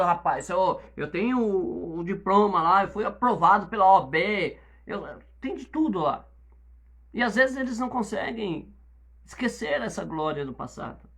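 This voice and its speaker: Lively Brazilian man preaching a sermon. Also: high voice, breathy edge. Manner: lively, conversational preaching with rising emphatic outbursts. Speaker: pastor.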